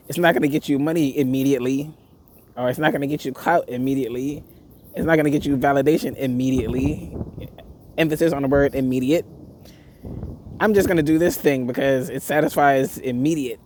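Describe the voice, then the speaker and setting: A man's voice: on the high side, a little mellow. Man rambling outdoors by a noisy street. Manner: rambling, reflective, frequent fillers and restarts. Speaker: spiritual vlogger. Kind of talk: casual monologue to camera. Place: outdoors near a street with passersby.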